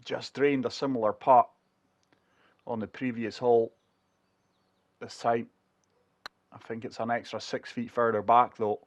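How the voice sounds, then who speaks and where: This gaming channel host narrates a golf video game shot by shot in a flat, medium-pitched voice, unhurried and pausing often. A chest infection leaves him struggling for breath, though he stays chatty; the sound has no echo.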